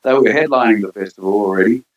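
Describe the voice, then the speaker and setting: A man's voice: lowish voice, fast talker, muffled recording. A man who grew up between Switzerland and Australia, a band singer chatting casually as an interview guest, rambling with many fillers and restarts.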